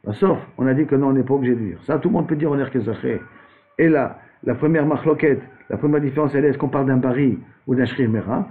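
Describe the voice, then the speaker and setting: Rabbi teaching Talmud over tinny audio. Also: male voice, medium pitch, fast. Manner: reads Aramaic phrases then paraphrases in French, with restarts. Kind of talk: Talmud lesson, reading and explaining. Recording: tinny phone-like recording.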